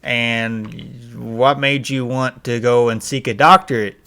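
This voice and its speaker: A man with a cold hosting a casual comedic interview in a halting, folksy way. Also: mid-range voice, bright, forceful tone. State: has a cold. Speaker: podcast host.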